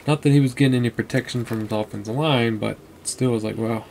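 A card collector vlogger sorts a box of collectibles at his desk indoors, chatting fast and muttering names as he flips through cards. His medium-pitched voice is slightly mellow with vocal fry and fairly even intonation, over a rough recording with slight background noise.

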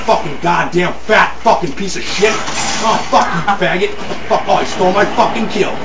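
A young man yelling profane, explosive trash talk as he plays a video game. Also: sits high, normal speed. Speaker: video gamer. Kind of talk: angry trash talk while gaming. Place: dim living room at home. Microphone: handheld camera a few feet away. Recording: noisy, roomy home video from a distance.

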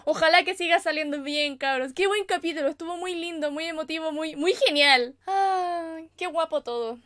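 High-voiced excitable Chilean woman. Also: moderate pace. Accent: Chilean Spanish. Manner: excitable, gasps, squeals and chatters to viewers. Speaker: anime reaction channel host. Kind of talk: casual reaction commentary. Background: anime episode audio and music.

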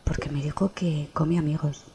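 A woman who tells a joke in hushed, slow storytelling. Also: low-pitched, steady tone, a little hiss or hum. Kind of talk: joke telling.

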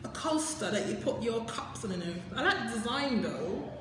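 A woman from London with a hoarse voice, chatting casually through a beauty box unboxing with lots of excited "ooh"s. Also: fairly high pitch, brisk, background noise. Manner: excited cooing, frequent "ooh". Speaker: beauty vlogger. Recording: echoey room with long reverb.

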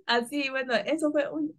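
A woman from Peru, a spiritual guide, talking casually and telling everyday stories with frequent laughter. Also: high voice. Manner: warm, spontaneous storytelling with frequent laughs.

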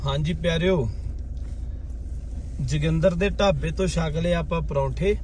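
A man's voice: a little high, unhurried, darkish tone, slight background noise. A man from Punjab narrating a travel vlog outdoors in the mountains, telling a temple story reverently and praising the scenery with enthusiasm. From Punjab, India. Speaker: travel vlogger.

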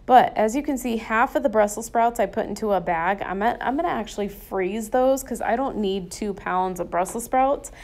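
A woman's voice: on the high side, moderate pace, few pauses, darkish tone. A woman narrating her home cooking in a chatty, enthusiastic, folksy way over a recorded voice-over. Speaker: cooking vlogger. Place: home kitchen.

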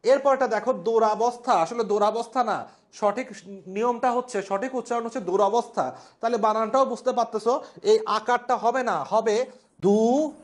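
Male spelling teacher, high-pitched voice, slow drawn-out repetition. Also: fairly even intonation. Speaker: Bengali language instructor. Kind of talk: classroom lesson at a whiteboard.

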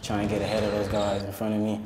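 Teen player, low flat voice, roomy echo under loud music. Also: male voice, fast talker, background noise. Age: teens. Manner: calm, plain casual talk. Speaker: high school player. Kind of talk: interview.

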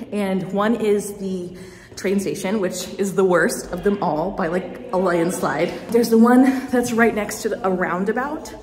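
A woman's voice: mid-range voice, darkish tone. A young woman vlogging casually to a handheld camera, chatty and bubbly, saying "like" a lot. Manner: chatty and bubbly, heavy use of "like". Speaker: travel vlogger. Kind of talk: casual vlog chat to camera.

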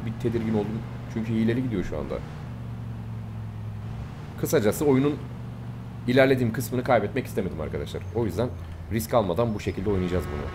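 A young man commenting casually on a game he plays, brash and excitable, swearing often. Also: lowish voice, noisy background. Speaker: gaming YouTuber. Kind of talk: Let's Play commentary.

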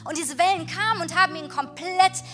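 A woman's voice: very high-pitched, a little fast, fairly bright tone, soft background music. A woman leading a worship night, preaching earnestly and encouragingly and reading scripture aloud in a church service. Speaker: worship leader. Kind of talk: devotional sermon during a worship night. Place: church service with music behind.

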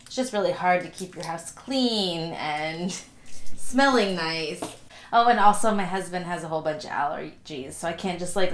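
A young woman with a stuffy nose from allergies, chatting upbeat through a casual haul video at home. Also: fairly low pitch. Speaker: vlogger. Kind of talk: casual unboxing haul vlog. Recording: echoey room.

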